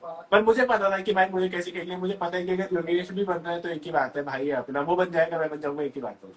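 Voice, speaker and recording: A man's voice: high voice, fairly even intonation, fast, poor audio. A young man from North India hosting a casual phone live stream, reading fan comments aloud and answering them in a chatty way. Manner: chatty, mixes Hindi and English, reads comments aloud then answers them. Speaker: host of a social media live stream.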